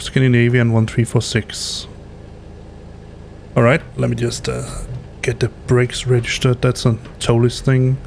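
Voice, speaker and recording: A man acting as a pilot in a flight simulator, mixing radio readbacks with relaxed, casual commentary. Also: mid-range voice, slight background noise.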